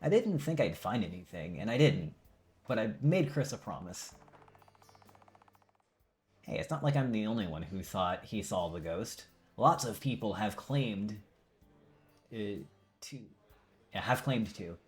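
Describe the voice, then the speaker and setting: A man's voice: on the low side, expressive, measured pace, pauses often. A man voicing a tired, skeptical teenage boy in a visual novel, brushing off a ghost rumor. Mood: dismissive. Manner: dismissive, weary.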